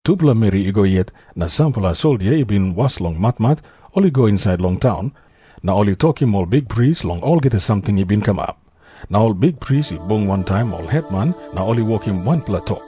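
A man's voice: fairly low pitch, animated, brisk, dark tone, husky, dry recording, clean studio sound. A Papua New Guinean man narrating scripture in Papua New Guinea pidgin, as a scripted dramatized Bible reading. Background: music behind the voice.

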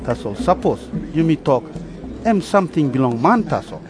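A man's voice: a little high, very animated, moderate pace, music in the background. A man with a Papua New Guinean accent playing a suspicious, calculating temple priest in a scripture drama. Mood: wary, deliberating.

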